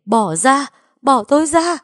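A woman's voice: mid-range voice, normal speed, dry recording, studio quality, voice pushed up, lightly acted. A woman voicing a young wife crying out in tearful, desperate pleas. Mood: desperate pleading. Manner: pleading, tearful cries. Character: young wife, frantic and grief-stricken.

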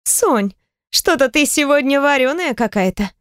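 Woman reading nosy pregnant bestie, teasing and pushy, squeals up high. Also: lively intonation, moderate pace, no room sound, clean studio sound. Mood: teasing, excited. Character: chatty nosy pregnant young woman friend. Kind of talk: audiobook character reading.

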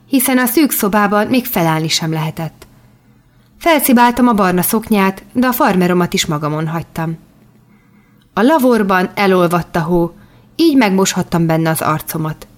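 Woman calmly narrating an audiobook. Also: medium pitch. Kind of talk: scripted first-person audiobook narration.

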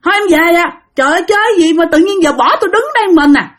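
A woman's voice: very high voice, animated, rapid-fire, fairly bright tone, voice pushed up. Woman doing a whiny, shaken young man. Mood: upset.

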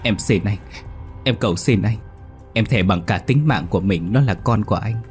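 A man's voice: lowish voice, normal speed, a little mellow, soft background music, lightly acted. A man voicing a sobbing, pleading young wife. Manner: begging, tearful, rising to cries.

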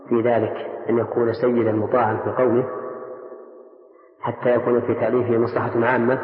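An older man, a scholar, explaining religious rulings slowly and deliberately, step by step. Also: medium pitch. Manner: slow, deliberate, reasoning step by step. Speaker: scholar answering questions. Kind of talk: measured religious instruction. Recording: tinny echoey old radio recording.

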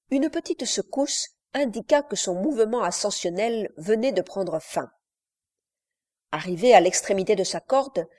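A woman narrating a classic novel aloud in a measured, literary reading style. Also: medium pitch, mellow. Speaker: audiobook narrator. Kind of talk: scripted narration.

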